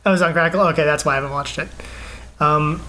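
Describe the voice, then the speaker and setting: A young man co-hosting a podcast, chatting casually about games and movies in a rambling, excitable way, laughing often. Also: a little high, quick pace. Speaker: podcast co-host.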